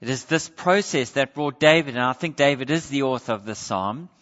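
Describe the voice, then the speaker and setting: A man preaching a sermon, earnest, moving between quiet pleading and raised emphasis. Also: mid-range voice, fairly quick. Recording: dull lo-fi sound with long hall reverb.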